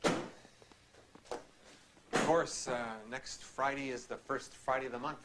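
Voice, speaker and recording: A man's voice: medium pitch, fairly even intonation, a little slow. An actor playing a casual, teasing middle-aged father in a TV movie, heard through hissy old VHS tape audio. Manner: casual, teasing, talks in asides. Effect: old VHS tape audio with hiss. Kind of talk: TV movie acting.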